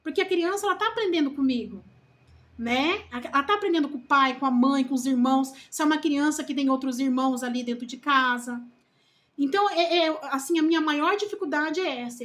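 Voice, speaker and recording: A woman with a Brazilian Portuguese accent, a first-time mother, talking earnestly and unhurriedly to her viewers about parenting, with many diminutives and rhetorical questions. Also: high-pitched. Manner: calls herself loud-spoken. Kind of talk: casual talk to camera.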